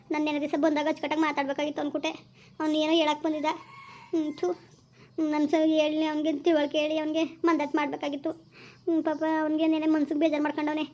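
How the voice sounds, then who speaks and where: A woman's voice: high voice, completely flat delivery, fast talker, darkish tone, a little hiss or hum, natural voice. Fretful young village woman, as an actress plays her. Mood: anxious. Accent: rural Kannada. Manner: fretful, sighs and tuts. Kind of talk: village skit acting.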